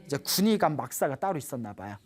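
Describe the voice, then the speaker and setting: Speaking fast in a bass voice, a Buddhist nun gives a dharma talk before a studio audience, telling stories animatedly and putting questions to her listeners.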